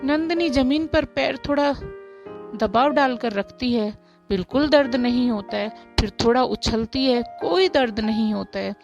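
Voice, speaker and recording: Brief: woman storyteller, high and slow, gravelly edge, faint music bed. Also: darkish tone, highs cut off. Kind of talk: spoken story narration.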